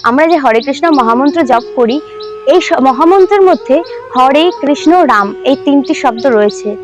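A woman hosting a devotional channel, earnestly explaining religious terms and slowly reciting Sanskrit verses. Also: high-pitched, animated, lo-fi sound. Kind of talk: religious teaching talk. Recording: faint background music.

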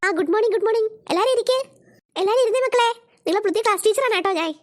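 A woman's voice: extremely high pitch, very fast. A woman voicing a strict new class teacher in a cartoon, firmly lecturing the children. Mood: instructive. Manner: firm and scolding, lecturing the class.

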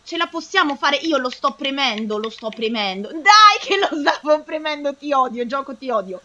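A young woman giving anxious, excitable commentary while playing a game, pleading and exclaiming as she goes. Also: high-pitched, moderate pace, dull audio, a little hiss or hum. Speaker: let's play host.

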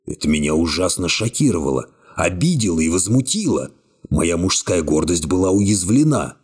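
A male narrator with a low, husky voice reads an audiobook. His delivery is wry and expressive, and his pitch moves widely through each sentence. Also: moderate pace. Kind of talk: scripted narration.

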